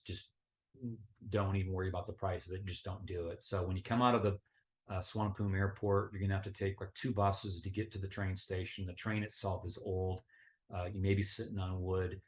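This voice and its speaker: A middle-aged man speaks in a deep, low-set voice that stays fairly level and even. He gives casual travel advice in a relaxed, chatty way, pausing with "uh" and "um" and restarting his sentences. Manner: relaxed, conversational, many fillers and restarts. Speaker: travel vlogger.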